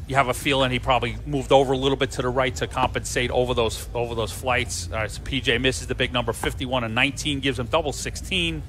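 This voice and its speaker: A man's voice: medium pitch, fairly even intonation, fast, few pauses, fairly bright tone. A man giving live sports commentary on a darts match.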